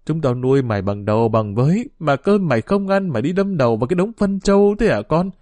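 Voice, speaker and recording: A raging village mother from a storybook, shrill and wailing as she berates her daughter, as a male narrator puts her on. The voice rides high above the reader's own, loud and swinging wildly up and down, in a dry, close sound. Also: very animated, fast, dry recording. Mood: furious. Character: furious middle-aged village mother.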